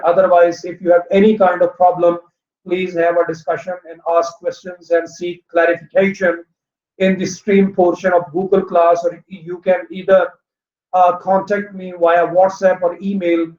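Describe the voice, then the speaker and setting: A man teaching a recorded online lecture, explaining steadily, mixing in English terms, with drawn-out "uh" fillers. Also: high-pitched, darkish tone. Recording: dull lo-fi recording.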